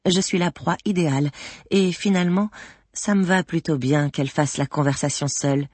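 A woman's voice: low-pitched, a little mellow, husky, dry recording. A woman reading a first-person novel aloud in an intimate, introspective and wry manner. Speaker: audiobook narrator.

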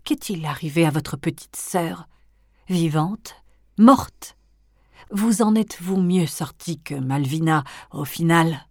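A woman voicing a cold, menacing elderly aristocratic grandmother in an audiobook, speaking in hushed, often whispered tones that swell into threats. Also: low voice, takes it slowly, dry recording, clean studio sound, exaggerated voice. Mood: icy whisper. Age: older. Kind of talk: audiobook character reading.

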